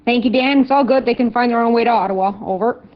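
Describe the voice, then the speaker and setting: Lady dispatcher on a cb walkie talkie, kinda high voice, lo-fi muffled radio sound, repeats directions carefully. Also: quick pace, a little hiss or hum. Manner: clear, methodical, repeats directions, ends with "over". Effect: over CB walkie-talkie radio. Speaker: convoy dispatcher. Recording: lo-fi radio transmission.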